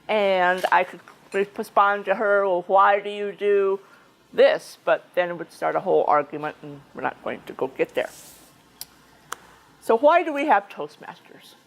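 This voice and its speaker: A woman's voice: lowish voice, expressive, moderate pace, creaky, poor audio. Chatty woman giving a club speech. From United States. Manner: chatty, conversational, with frequent restarts and asides. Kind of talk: informal prepared speech at a club meeting. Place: meeting room in a restaurant.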